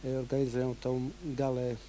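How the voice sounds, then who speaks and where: A man, a kickboxing coach and organizer, answering questions in a local TV interview, pausing often with fillers. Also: mid-range voice, completely flat delivery, mellow, slight background noise, poor audio. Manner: hesitant, many fillers.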